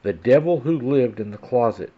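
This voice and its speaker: A man's voice: mid-range voice, moderate pace, husky, lo-fi sound. A man reading the lines of an eerie female patient who mutters ominous warnings, in a story. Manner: mutters flatly.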